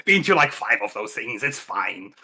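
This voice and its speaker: A man's voice: fairly low pitch, sing-song, moderate pace, creaky, pushed and bright, pitched below the performer's own voice, full character voice. A man voicing a cheerful, confident male arena champion who talks in an easygoing, friendly way. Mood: generous. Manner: easygoing and friendly, calls people buddy.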